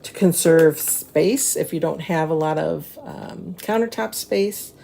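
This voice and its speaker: A woman's voice: sits low, slow pace, creaky, dark tone, a little hiss or hum. A woman hosting a casual craft tutorial, chatting to viewers and muttering to herself as she works, with slurred, slushy s sounds. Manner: chatty, mutters to herself and to the materials while working.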